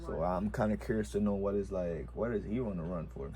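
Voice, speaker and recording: A man hosts a reaction video, giving relaxed commentary as he thinks aloud. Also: deep voice, brisk.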